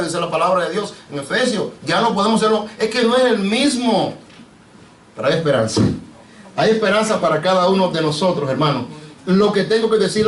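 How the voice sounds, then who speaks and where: Predicador, hombre, sermón, tono alto, grabado a distancia, sala con reverberación, ruido leve de fondo. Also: male voice, high voice, a bit bright, a little hiss or hum. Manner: preachy, asks the congregation questions, addresses them as brother. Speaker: pastor. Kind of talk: sermon. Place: church sanctuary. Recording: echoey church, mic off at a distance.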